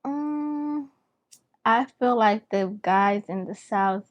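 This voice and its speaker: A young woman from Los Angeles chatting casually with friends, lively and laughing, acting out what others said. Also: on the high side, slow, muffled recording. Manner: lively, laughing, acts out quotes in a raised voice. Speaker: guest, surgical assistant. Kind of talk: casual chat among friends.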